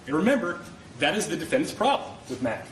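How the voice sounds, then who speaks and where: A male prosecutor with a fairly high voice argues his closing to a jury. He is passionate and insistent, hammering points through repetition. The sound is roomy, picked up at some distance from the microphone. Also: very animated, quick pace. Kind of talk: courtroom closing argument to a jury. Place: indoor courtroom. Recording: roomy courtroom, distant mic, faint noise.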